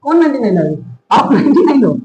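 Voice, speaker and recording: Man, teacher, high voice, keeps asking the class questions, echoey classroom. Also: big pitch swings, fast, dull audio, background noise. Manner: quizzing students with repeated questions. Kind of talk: classroom lesson.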